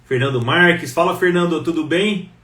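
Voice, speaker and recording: This live-stream host, at home in Ribeirão, has a slightly high, sharp voice and a moderate pace. He keeps things casual, welcoming each viewer by name, and his wireless mic sounds roomy and distant against faint background noise.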